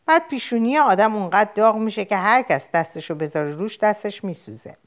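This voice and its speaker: A woman reading a novel aloud in first person, in an expressive, conversational storytelling manner. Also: mid-range voice. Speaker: audiobook reader. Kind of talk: audiobook narration in first person.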